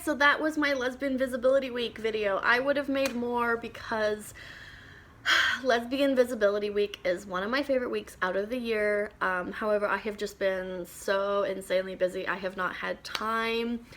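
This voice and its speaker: A woman's voice: fairly high pitch, fairly even intonation, moderate pace, a bit bright. Chatty young woman gushing about books. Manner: chatty, enthusiastic, frequent ums and laughs. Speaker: book vlogger. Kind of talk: casual book recommendation vlog.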